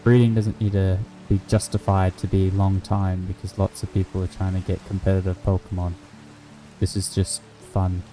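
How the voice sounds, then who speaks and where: A young man casually commenting on his live game stream, rambling and thinking aloud with excitable bursts. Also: sits low, normal speed, faint music behind, rough recording.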